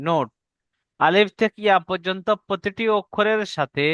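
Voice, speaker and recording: Recorded dry and clean, a high, slightly bright male voice leads an online lesson on reading Arabic letters. He goes over the rules patiently, asks students to echo him, and draws out each sound in his recitation.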